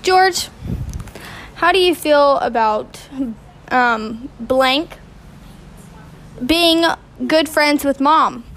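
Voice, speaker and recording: A woman's voice: sits high, extremely slow, pauses often, fairly bright tone, a little hiss or hum. A teenage girl hosting her own podcast, chatty and dramatic as she interviews family. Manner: chatty, dramatic, laughs easily. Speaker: podcast host.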